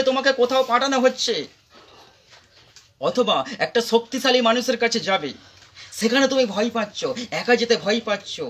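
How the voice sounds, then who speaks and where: A man's voice: very high-pitched, a bit bright, slightly rough. A man with a Bengali accent, preaching a sermon as pastor, repeating phrases for emphasis. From India. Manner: repetitive, emphatic preaching with rising calls.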